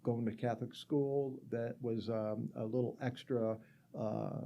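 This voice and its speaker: A man's voice: medium pitch, fairly even intonation, measured pace, vocal fry, dark tone, dull audio, slight background noise. A man in his sixties from the Rochester area of New York, telling his life story as a guest in a casual, rambling way with many fillers. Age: 60s. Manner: chatty, rambling, frequent fillers and restarts.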